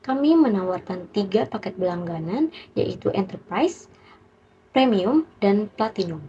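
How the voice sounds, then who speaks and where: A young woman delivering a rehearsed, formal startup pitch as a student, steady and list-like. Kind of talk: rehearsed business pitch presentation. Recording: dull, lo-fi recording with faint background noise.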